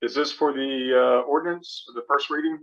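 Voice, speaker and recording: A man's voice: medium pitch, steady tone, moderate pace, a bit bright, dull audio. A man giving plain, explanatory finance remarks over a video call.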